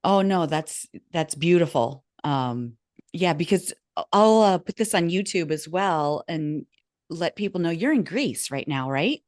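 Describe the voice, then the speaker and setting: A woman with a very low voice hosts a podcast interview over a video call. Her talk is casual and effusive, full of soft affirmations, and the sound is dry and close with no room around it. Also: expressive, a little slow, no echo. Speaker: podcast host.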